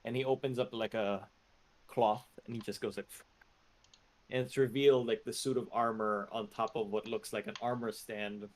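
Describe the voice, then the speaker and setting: A man runs a tabletop fantasy game as game master. His voice sits a little low as he improvises scene descriptions in casual, conversational wording. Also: fairly even intonation, moderate pace.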